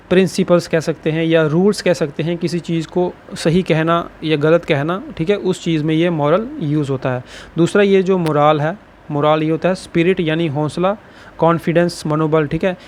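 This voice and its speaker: Guy teaching shorthand, kinda high voice, says theek hai all the time, bit of hiss. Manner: says "ठीक है" after nearly every phrase, repeats words slowly. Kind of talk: explaining lesson.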